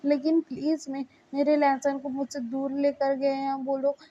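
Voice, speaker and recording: A woman's voice: high-pitched, little pitch movement, normal speed, mellow, lightly acted. A woman doing a weeping, remorseful young man. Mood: pleading. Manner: crying, self-blaming. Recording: muffled lo-fi recording.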